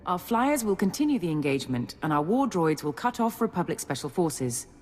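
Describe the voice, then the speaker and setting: A woman's voice: on the low side, big pitch swings, a little fast, darkish tone. A woman playing a stern, businesslike Imperial military officer in a video game, briefing with authority. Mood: businesslike, resolute. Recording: long hall reverb.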